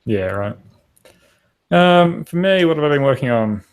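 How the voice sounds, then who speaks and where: A man co-hosting a casual podcast, easygoing and quick to joke. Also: fairly high pitch, lively intonation. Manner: easygoing and joking. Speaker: podcast co-host. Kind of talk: casual chat.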